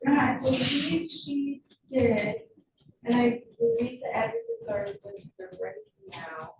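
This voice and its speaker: A woman's voice: sits high, very animated, gravelly. Female prosecutor in a courtroom recording. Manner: formal, measured questioning. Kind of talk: courtroom witness questioning. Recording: echoey courtroom, distant mic, dull and noisy.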